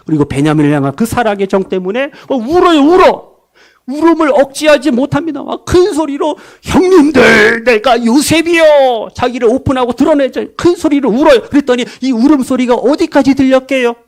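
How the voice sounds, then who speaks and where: Male pastor, high voice, animated sermon delivery, peppers the congregation with questions and answers them. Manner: dramatic swings between loud bursts and soft low asides; acts out family dinner-table lines in little voices.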